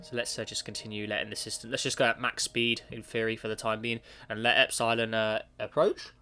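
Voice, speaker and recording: His voice sits lowish and barely moves in pitch, yet it comes out brisk, pushed, and bright. A sniffly YouTuber with a cold, he gives casual commentary on a space sim, rambling, correcting himself, and addressing the game over clear background music.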